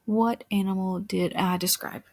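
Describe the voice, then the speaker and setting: A woman's voice: mid-range voice, steady tone, normal speed, creaky, darkish tone, a little hiss or hum. A woman teacher giving a phonics lesson to young children as if reading to a toddler, with simple patient questions, repeated words, sounded-out letters and encouragement. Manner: encouraging praise. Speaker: early-years teacher.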